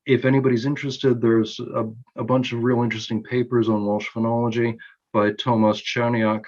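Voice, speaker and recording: A man with a somewhat low voice presents an academic conference talk. He explains his points in a measured way, with frequent ums and small restarts. The recording is dull and lo-fi.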